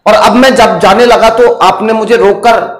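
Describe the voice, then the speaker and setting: A man voicing an impatient, gruff old man of about sixty who scolds. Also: sits high, fairly even intonation, measured pace. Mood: puzzled. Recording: roomy echo.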